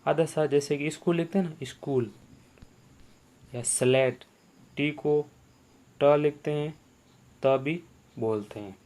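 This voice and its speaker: A man's voice: fairly high pitch, slow, pauses often, a little mellow. A man teaching the sounds of English letters, repeating each sound and quizzing the viewer. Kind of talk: spoken language lesson.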